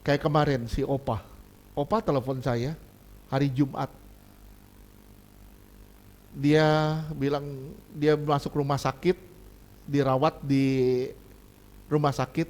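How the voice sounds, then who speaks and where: A male pastor preaching a sermon in a lively, casual way, swinging between loud emphatic bursts and quiet asides. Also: mid-range voice, slow pace, pauses often. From Indonesia.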